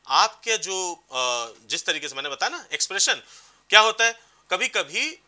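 A man's voice: high-pitched, bright, forceful tone. A man giving advice as a career counselor on a TV talk show, explaining with examples. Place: TV studio.

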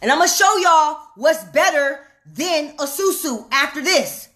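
Woman online money coach, high-pitched, slow emphatic delivery, preachy and passionate. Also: lively intonation, sharp tone. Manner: emphatic and preachy, repeats lines slowly, calls out "hello?". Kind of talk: fired-up direct-to-camera rant.

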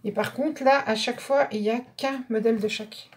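A woman's voice: a little high, fairly even intonation, a little fast, slight background noise. Chatty French woman showing papers. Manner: chatty, thinking aloud with fillers and asides. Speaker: craft vlogger showing a haul. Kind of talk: casual show-and-tell.

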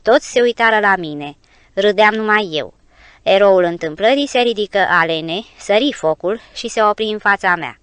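A woman narrating an audiobook adventure tale in measured, expressive storytelling. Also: mid-range voice, smooth, dry recording.

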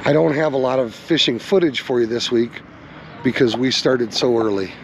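Man, fishing vlog host, folksy instructive, mid pitch, outdoors, faint background noise. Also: moderate pace. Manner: folksy, instructive, addresses viewers as guys. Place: outdoors on or by the river.

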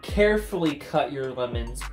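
Jokey young dude making a kitchen video, mid-pitch voice, loud mock yells now and then, roomy sound. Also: male voice, lively intonation, normal speed, music in the background. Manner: goofy, jokey, shifts into loud mock-commanding shouts. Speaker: cooking video host. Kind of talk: comedic cooking vlog. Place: home kitchen, indoors.

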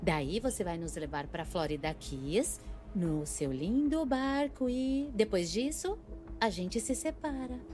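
A Brazilian woman running a smuggling job in a dubbed thriller. She is cool and commanding, with a lively, varied melody to her speech, over faint music. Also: mid-range voice, slow. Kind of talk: dubbed film thriller acting.

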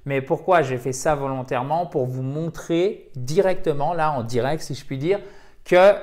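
Man teaching English, slightly high voice. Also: normal speed, a little mellow. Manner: explains patiently, checks in with "ok?" often. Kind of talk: language lesson for French speakers.

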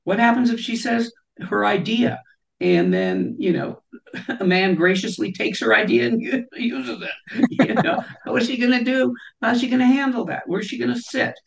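Speaking over a video call from her shelved home room, an older female interview guest has a fairly high, lively voice with vocal fry at a normal pace. Her conversation is full of restarts and "you know" fillers, and the sound quality is poor.

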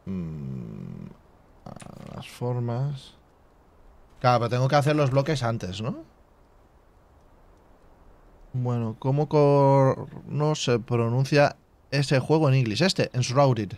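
A man hosting a casual let's play, reading game menus half to himself and chatting to his viewers with relaxed asides. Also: medium pitch, slow pace, dry recording. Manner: chatty asides to viewers with filler tags like "tío". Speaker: gaming channel host.

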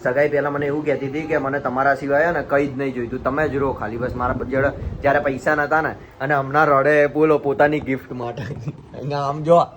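A man's voice: mid-range voice, fairly even intonation, fast, hardly any pauses, a bit bright. Teasing man vlogging over street noise. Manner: teasing, playful Gujarati banter. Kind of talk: casual vlog chat.

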